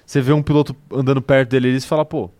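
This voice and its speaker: A young man with a Brazilian Portuguese accent co-hosting a casual live stream, animated, reading out viewer comments and joking with his co-host. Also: medium pitch, racing. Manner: animated, reads viewer comments aloud and jokes.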